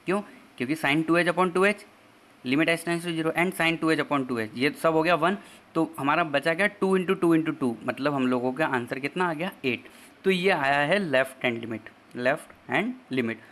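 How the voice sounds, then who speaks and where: A man's voice: a little high, normal speed, fairly bright tone. A man teaching exam-prep math, working through each step and asking his students rhetorical questions. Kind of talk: exam-prep math lecture in Hindi with English terms.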